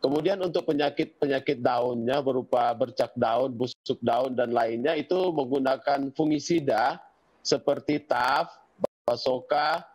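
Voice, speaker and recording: Man, farmer, husky voice, mid pitch, steady listing delivery. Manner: steady, listing items one by one. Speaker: tomato farmer. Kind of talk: practical explanation in an interview.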